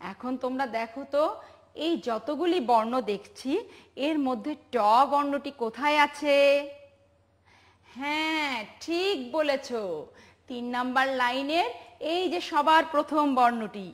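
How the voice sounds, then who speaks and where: A woman from Bangladesh teaches a televised preschool lesson, patient and sing-song, asking the children questions and praising them. Her voice is high-pitched and unhurried.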